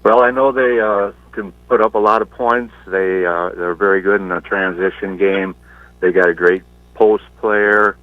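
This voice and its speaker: Basketball coach guy on a phone line, deep voice, halting plain talk. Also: steady tone, no room sound. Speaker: high school basketball coach. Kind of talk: interview by phone. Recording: tinny dry phone line.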